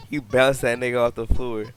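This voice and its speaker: A young man reacting to internet videos, laughing often and exclaiming loudly. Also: mid-range voice. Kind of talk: casual reaction commentary.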